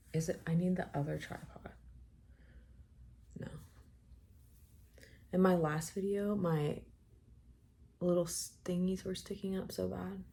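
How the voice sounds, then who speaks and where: A woman's voice: lowish voice, gravelly, mellow, a little hiss or hum. A woman vlogging casually at home, rambling and muttering to herself as she fusses with a tripod-mounted camera. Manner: scattered, self-deprecating, muttering to herself.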